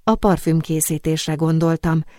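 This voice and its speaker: A woman's voice: sits low, flat delivery, dark tone, dry recording, studio quality, lightly acted. A woman reading the part of a cheerful, curious young woman perfumer in an audiobook, speaking politely.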